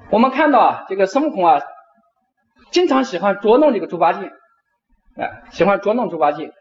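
A middle-aged man, a university professor, giving a lecture and telling stories with drawn-out particles. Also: high voice, muffled recording. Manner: animated storyteller, frequent drawn-out particles. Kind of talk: lecture with storytelling.

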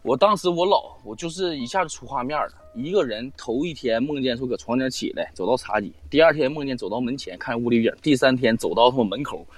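A man's voice: mid-range voice, fast talker, hardly any pauses, no echo, faint music behind. A man telling a ghost story in casual chat, swearing and acting out quoted lines. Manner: swearing, animated retelling with quoted dialogue. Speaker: storyteller guest on a live-stream show.

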